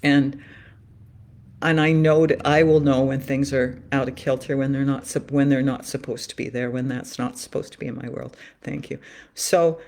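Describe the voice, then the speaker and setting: On a solo livestream, a woman who reads spiritual cards speaks in a very deep, gravelly, darkish voice with little pitch movement and a moderate pace. Drawing cards, she muses in a loose, earnest way, often repeating phrases.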